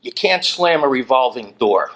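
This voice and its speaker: A man giving a short, wry memorial tribute in a measured way. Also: medium pitch, lively intonation, heavy background noise. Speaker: memorial speaker.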